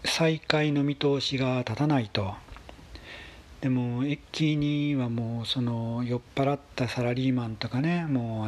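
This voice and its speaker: A man with a husky voice, telling a story in a casual, polite monologue with gentle pauses. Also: mid-range voice. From Kansai, Japan. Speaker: solo talk show host.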